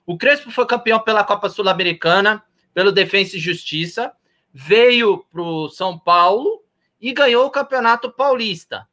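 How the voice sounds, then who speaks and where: A man's voice: high voice, normal speed, bright, forceful tone. A man on a football podcast panel, explaining his view with examples. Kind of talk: casual football debate.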